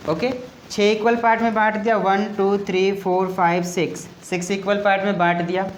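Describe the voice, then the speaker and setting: A man explains a maths lesson step by step, often pausing on "ok" and going back over each point. He speaks casually and directly to his students. The room is echoey, with a faint hum of ambient noise behind him. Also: high voice, flat delivery. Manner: explains patiently, repeats points, keeps checking with "ok". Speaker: maths teacher.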